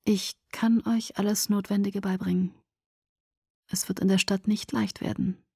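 A woman voicing a grim young male vampire soldier in a hushed, breathy whisper, brooding and slow, in an audiobook reading. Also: mid-range voice, little pitch movement, no room sound, studio quality. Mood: grave.

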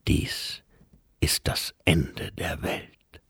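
A man voicing Death as a grave, solemn figure in an audiobook, speaking in a measured way. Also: a bit bright, no echo, clean studio sound. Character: Death, solemn, grave, unhurried male personification.

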